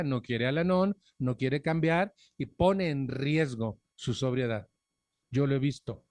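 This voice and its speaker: At a recovery group meeting, a middle-aged man with a Mexican Spanish accent shares his personal testimony frankly through a stand mic, swearing earthily, speaking bluntly, and putting questions straight to the audience. His voice is mid-range and slightly mellow, and there is no room sound.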